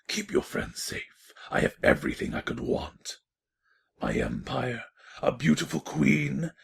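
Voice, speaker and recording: A man voicing a seductive, menacing dark unicorn tyrant king in a fan audio drama, with a gravelly, breathy rasp and a smug manner. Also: mid-range voice, full character voice. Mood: seductive, gloating.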